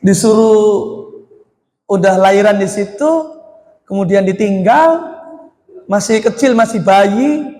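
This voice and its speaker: A man's voice: sits high, slow pace, pauses often, a little mellow. A man with an Indonesian accent giving a mosque study lecture, who asks his listeners questions and then answers them himself. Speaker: Islamic teacher. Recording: echoey hall.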